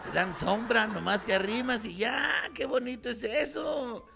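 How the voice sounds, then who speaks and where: A man's voice: very high-pitched, a little slow, creaky, sharp tone, soft background music. A man with a Mexican accent doing a stand-up comedy routine, acting out both sides of a couple's quarrel.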